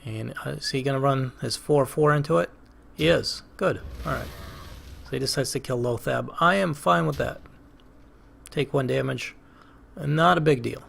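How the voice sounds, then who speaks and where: A man's voice: medium pitch, moderate pace, creaky, a bit bright, slight background noise. A man with a Boston accent hosting a casual let's play, thinking aloud through each move with hesitant, self-questioning commentary. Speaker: gaming channel host.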